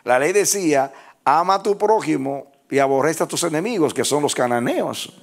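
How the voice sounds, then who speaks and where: A man preaching a sermon as pastor, who leads his congregation in call-and-response and rises into shouted, half-sung phrases. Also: on the high side, animated, moderate pace, creaky. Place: church with congregation.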